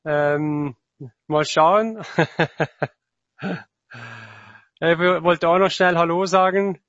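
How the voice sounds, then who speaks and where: A man hosting a casual online talk, slow and easygoing. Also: fairly high pitch, fairly even intonation, fairly bright tone, no room sound, muffled recording. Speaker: host.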